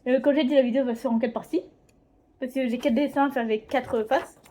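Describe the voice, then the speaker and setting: Rambling teenage girl vlogger, mellow voice. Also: high-pitched, fairly even intonation, fast. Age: teens. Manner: rambling, hesitant, self-correcting. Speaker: drawing vlogger. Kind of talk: casual chat. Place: home, indoors.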